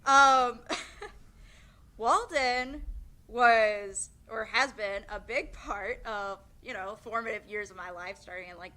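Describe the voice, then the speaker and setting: A woman's voice: medium pitch, unhurried, sharp tone. A young woman giving a nervous, giggly, rambling farewell speech as a graduating theatre student.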